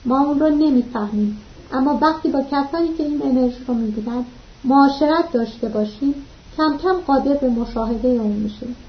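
A woman reading the lines of an earnest woman researcher who angers quickly, in a serious, intense manner, in a dull lo-fi recording. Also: high voice, reverberant, lightly acted.

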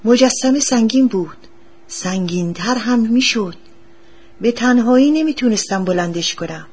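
A woman voicing a poor, bitter middle-aged father who scolds his son, with a husky voice, read as a storybook. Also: on the high side, lively intonation, a little mellow. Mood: uneasy. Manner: gruff, scolding, superstitious. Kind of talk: storybook reading.

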